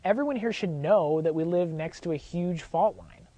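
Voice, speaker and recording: Man as an earnest, high-voiced forecaster. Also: expressive, normal speed, mellow, no room sound. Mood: earnest worried. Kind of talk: mock news interview.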